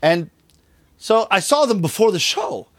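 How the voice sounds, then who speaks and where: A middle-aged man with a fairly high, very lively voice, chatting as an interview guest. He tells stories animatedly and slips into the voices of the people in them. The sound is close and dry. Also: unhurried, dry recording. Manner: animated storyteller, acts out quoted voices. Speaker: rakugo storyteller, guest. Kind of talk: casual interview talk.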